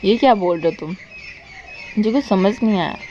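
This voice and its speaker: A woman's voice: medium pitch, expressive, normal speed, warm tone, highs cut off, a little hiss or hum, close to an everyday voice. A woman voicing a playful young woman who teases her friend and chatters about missing her girlfriend. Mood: teasing. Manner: teasing, chatty.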